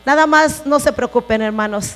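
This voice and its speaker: A woman's voice: high voice, normal speed, fairly bright tone, faint music behind. A woman pastor preaching a sermon in an earnest way, speaking to the congregation as brothers and sisters. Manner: earnest, addresses listeners as brothers.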